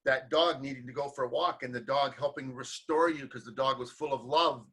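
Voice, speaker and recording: A man's voice: medium pitch, fairly even intonation, brisk, pushed and bright, husky, poor audio. A man hosting a conversational interview, talking earnestly and with humor about hard times. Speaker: interview host.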